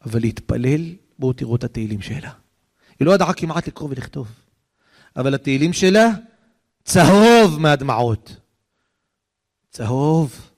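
A male preacher with a gravelly, creaky voice delivering an emotional storytelling sermon. He builds the drama as he speaks, and his voice climbs at the moving moments. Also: medium pitch, a little mellow.

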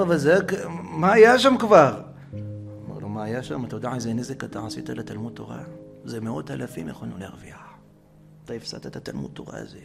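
A man telling a dramatic story, acting out the quoted speech, dropping to whispers and then rising loud. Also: mid-range voice, vocal fry. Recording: guitar music under the voice.

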